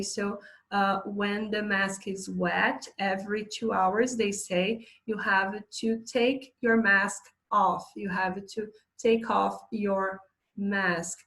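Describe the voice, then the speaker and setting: A woman teaching an English lesson in a casual, hesitant way, filling pauses and laughing now and then while she describes pictures. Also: medium pitch, creaky, a bit bright. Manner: slow, hesitant, many fillers, laughs often.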